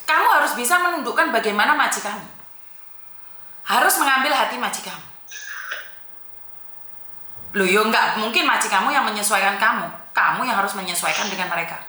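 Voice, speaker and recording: A woman's voice: medium pitch, animated, brisk, pauses often, bright, forceful tone, reverberant. A woman hosting a call-in advice show, lecturing the caller bluntly and firmly. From Indonesia. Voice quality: scolding, firm, mixes in Javanese words. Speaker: advice host.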